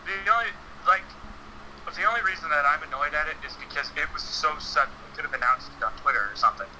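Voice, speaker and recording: A man talking through a phone on speakerphone, chatting casually as a podcast guest, halting with many fillers. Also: fairly high pitch, noisy background. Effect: heard over a phone on speakerphone. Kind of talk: casual chat about wrestling games.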